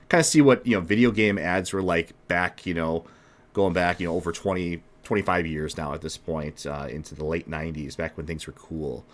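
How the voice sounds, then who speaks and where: A man's voice: deep voice, a bit bright. A man hosting a casual reaction chat, rambling and laughing often. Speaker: host.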